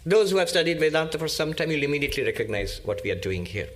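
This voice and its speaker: Monk giving a talk, kinda high voice, slow deliberate teaching, lots of pauses. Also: male voice, sing-song. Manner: slow, emphatic teaching with many pauses and repetitions. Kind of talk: spiritual discourse.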